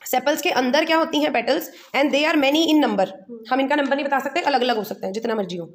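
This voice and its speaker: High-voiced Indian woman teaching. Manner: slowly reads English lines, explains again in Hindi. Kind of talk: explaining a lesson.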